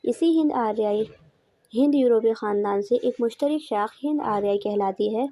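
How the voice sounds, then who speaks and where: A teacher gives an online lecture on course notes, posing rhetorical questions, answering them herself and restating each point differently. Her voice is a little high and mellow, in a dry recording.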